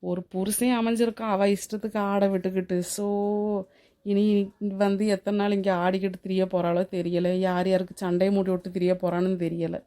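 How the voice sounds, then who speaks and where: A woman voicing a sharp-tongued young daughter-in-law in a cartoon who mutters sarcastic asides. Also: medium pitch, little pitch movement, brisk, close to an everyday voice.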